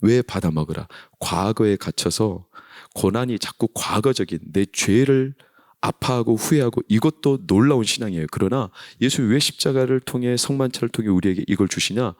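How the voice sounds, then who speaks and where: A male senior pastor giving a lively, conversational sermon to young adults, often teasing the congregation. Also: lowish voice, dry recording, clean studio sound. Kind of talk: sermon to a youth service.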